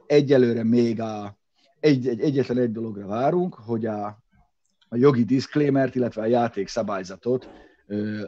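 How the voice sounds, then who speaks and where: On a relaxed car podcast, this co-host rambles in bursts with plenty of fillers and false starts while sitting away from his co-hosts in another room. He has a fairly low, mellow voice, and the recording's highs are cut off.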